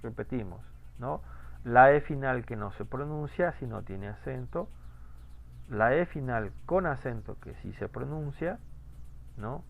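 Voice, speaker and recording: A man's voice: medium pitch, expressive, measured pace, vocal fry. A man teaching French pronunciation in an online class, patiently repeating rules and asking students questions.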